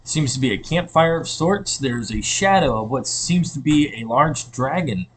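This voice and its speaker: A man's voice: mid-range voice, animated, moderate pace, breathy edge. A man narrating an online tabletop game as dungeon master, describing scenes with fillers and self-corrections.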